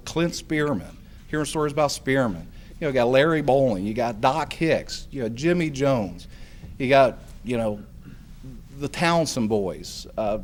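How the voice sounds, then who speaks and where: A middle-aged man gives an acceptance speech. He rambles in a folksy way and keeps restarting his sentences, with plenty of fillers. His voice sits at an ordinary pitch for a man. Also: slight background noise. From Hamilton, Ohio. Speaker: hall of fame inductee.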